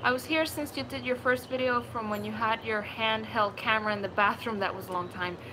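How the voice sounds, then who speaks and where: A twenty-year-old Puerto Rican woman chats playfully with her viewers as a video creator, rambling like a vlogger and putting on accents and voices in a casual live session. Her fairly high voice moves a little fast with fairly even intonation. The audio, from a webcam in a small room at home, is noisy.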